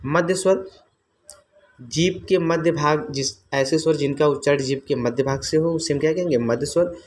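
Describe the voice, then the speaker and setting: A man's voice: on the high side, normal speed, a little mellow, a little hiss or hum. A man teaching an exam-prep grammar lesson, asking his own questions and answering them, repeating each term.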